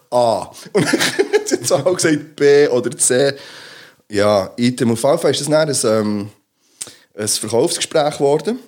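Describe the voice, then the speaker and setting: A man with a Swiss German accent, chatting casually as a podcast co-host and rambling through stories with many fillers. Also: mid-range voice. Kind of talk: casual chat.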